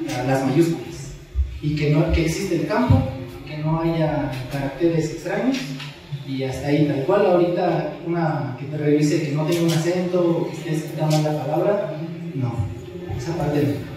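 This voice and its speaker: A man on a panel patiently explaining how a software tool works in answer to a question. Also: fairly high pitch, normal speed, faint music behind. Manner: patient, explanatory, restarts phrases. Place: large auditorium. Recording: very echoey hall, far from the mic.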